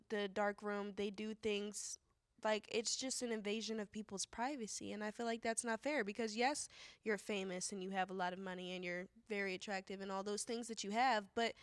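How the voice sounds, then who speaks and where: A woman co-hosting a casual podcast chat, telling anecdotes in an animated way and acting out the people in them. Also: medium pitch, dry recording, studio quality. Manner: animated, acts out voices in anecdotes. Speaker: podcast co-host.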